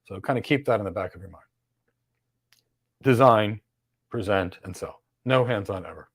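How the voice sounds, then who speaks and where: A middle-aged American man with a Philadelphia accent hosts a live career Q&A, answering questions as a mentor. His voice is fairly low and his pace normal, and he drives points home by repeating words.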